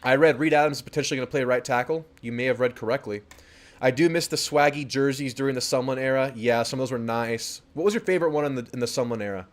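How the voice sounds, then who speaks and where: A man's voice: medium pitch, fast talker. A young man hosting a fan sports livestream, chatting casually and greeting viewers by name in an upbeat way. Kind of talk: casual livestream chat reading viewer comments.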